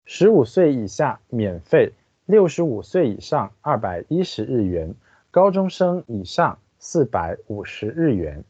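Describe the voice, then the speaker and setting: A man explains pronunciation as a language teacher, speaking very slowly and deliberately. His pitch moves in a lively way as he demonstrates the tones. The recording is dry and muffled, with a lo-fi quality. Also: breathy edge, dry recording. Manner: slow, deliberate, careful explanations.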